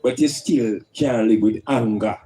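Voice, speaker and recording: A man's voice: medium pitch, measured pace, mellow. A man with a Jamaican accent speaking in Rastafarian style, preaching and teaching emphatically with rhetorical questions and Rastafari idioms.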